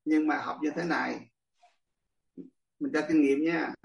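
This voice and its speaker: A man's voice: a little high, fairly even intonation, measured pace, creaky, dull audio. An older man, a monk, teaching a class in casual, chatty talk, often laughing and speaking straight to his students. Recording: echoey room, far from the mic.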